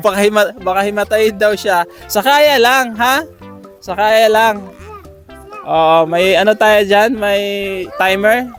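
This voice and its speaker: Lively man hosting games outdoors. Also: high voice, slow, faint music behind. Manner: animated, coaxing, counting down and calling out. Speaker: vlogger hosting games for schoolchildren. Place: outdoors at a rural school.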